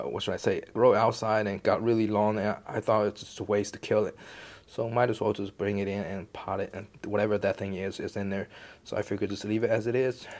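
A man hosting a casual tour of his basement greenhouse, explaining plants in a relaxed, rambling way full of restarts and fillers. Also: on the low side. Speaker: gardening channel host. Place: indoor basement greenhouse under grow lights.

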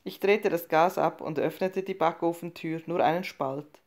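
A woman narrating a short story as an audiobook reading, in a calm, measured and subdued way. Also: fairly low pitch, gravelly.

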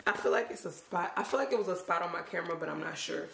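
Young female vlogger, hoarse and worn out, lowish pitch, slangy casual delivery, noisy room recording. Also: racing. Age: young adult. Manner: informal, slangy. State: hoarse, losing her voice. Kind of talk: casual vlog chat to camera. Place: bare indoor room. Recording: echoey room, clear background noise.

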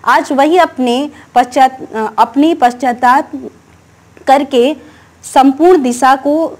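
A woman with a high-pitched voice teaches a class poem. She reads a line of verse aloud, then steadily unpacks its words and meaning in plain explanation.

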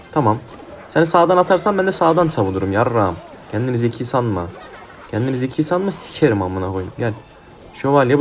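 Young male gamer, mid-pitched, profane heated trash talk over gameplay, faint game music. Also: a little mellow. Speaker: gaming YouTuber. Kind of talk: live mobile game commentary.

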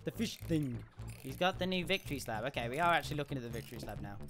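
A young man commenting live on a game he is playing, chatting with viewers and breaking into loud cheers and yelps. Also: a little high, lively intonation, racing, slight background noise. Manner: chatty, answers viewers' questions. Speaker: gaming streamer.

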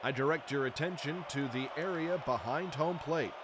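A man in his thirties with an American accent and a highish voice works as a baseball public address announcer, speaking at a moderate pace amid background noise. He reads scripted announcements with showmanship, stretching out names, with music playing behind him.

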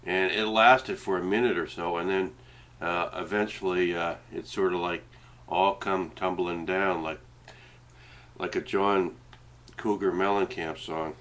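Sitting at his desk webcam in a small room at home, a middle-aged man with a Canadian Maritime accent chats casually, rambling and hesitant, sometimes while eating. His voice is deep, steady, a little slow and a bit bright, but congested, with a stuffed-up nasal sound from his blocked nose.

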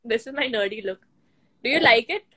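Bright-voiced young Indian-accented woman. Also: on the high side, lively intonation, brisk, husky, no echo. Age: 20s. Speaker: host of a live video chat reading questions. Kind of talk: casual chat. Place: indoors at home. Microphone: video call on a phone or laptop.

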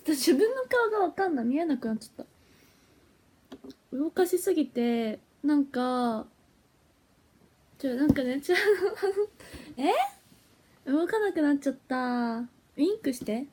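A woman's voice: high-pitched, expressive, takes it slowly, pauses often, a little mellow. A young woman, an idol, chatting casually with viewers on a phone livestream, giggly and easily flustered. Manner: chatty and giggly, flustered when her stream freezes.

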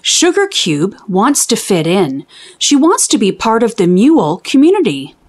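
A woman hosts a children's read-aloud, reading a storybook expressively with deliberate, carefully enunciated delivery meant to teach. Her pitch is medium but swoops wildly.

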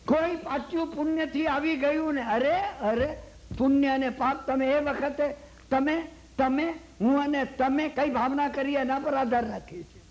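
A man delivering a Jain sermon with a Gujarati accent, his voice pitched very high. He tells a long story and acts out the characters' lines. He keeps checking that his listeners are following. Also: measured pace, dull audio. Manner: lively storytelling, acts out quoted lines, asks the hall "samjya ne?". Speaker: Jain lecturer.

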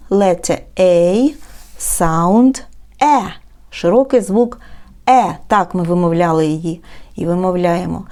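A woman tutor giving a recorded language lesson, drilling words slowly and clearly with repetitions and quick explanations. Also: lowish voice, a little mellow. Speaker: English tutor.

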